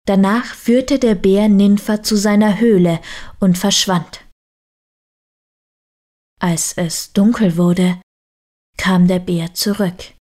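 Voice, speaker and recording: Female storyteller, very slow, mid pitch, calm bedtime-story read. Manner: slow, deliberate reading. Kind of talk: storybook narration.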